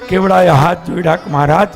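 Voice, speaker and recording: A male katha storyteller, telling a devotional story in an animated, exclamatory way. His voice is high and gravelly, and he speaks slowly. Faint sitar music plays underneath. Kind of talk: devotional scripture discourse.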